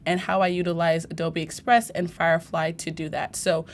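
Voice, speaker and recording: A woman with a somewhat low-pitched voice talks easily and conversationally, laughing often as she walks viewers through her process. She comes from Arizona and says "y'all" now and then. Faint room noise sits under the recording. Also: flat delivery, normal speed. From United States (Phoenix, Arizona). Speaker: guest portrait photographer. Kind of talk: casual livestream tutorial chat. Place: studio in San Francisco.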